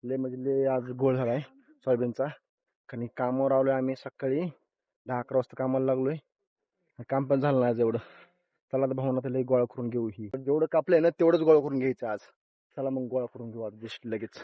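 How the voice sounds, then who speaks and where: A young man, vlogging casually outdoors on a farm, talking excitedly to his viewers as brothers. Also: mid-range voice, brisk, no echo, lo-fi sound.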